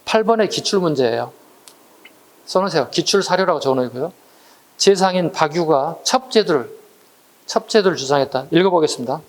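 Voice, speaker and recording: A middle-aged male lecturer with a slightly raised voice, teaching an exam-prep class. He talks in a lively, blunt way and keeps throwing rhetorical questions at his students. He slips into slangy little voices to act out quarrels. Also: fairly high pitch, fairly quick, long pauses. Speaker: history lecturer.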